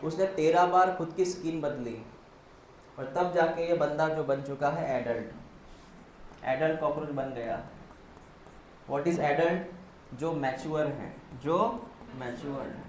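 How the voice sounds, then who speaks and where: Male biology teacher, slightly high voice, quizzing lecture style, echoey classroom with faint noise. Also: takes it slowly, pauses often, a little mellow. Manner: explains step by step, quizzing students and answering himself; mixes Hindi with English terms, spells words out.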